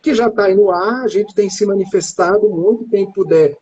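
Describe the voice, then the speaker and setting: A man from Brazil, a chemistry professor, explaining his field in a live-stream interview with measured, drawn-out phrasing. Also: sits high, a little mellow, highs cut off, slight background noise.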